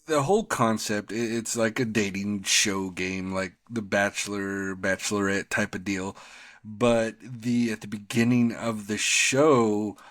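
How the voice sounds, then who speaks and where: A man's voice: lowish voice, steady tone, a little slow, fairly bright tone, dry recording, studio quality. A man co-hosting a podcast, talking casually about TV shows in a rambling, slangy, conversational way. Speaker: podcast co-host.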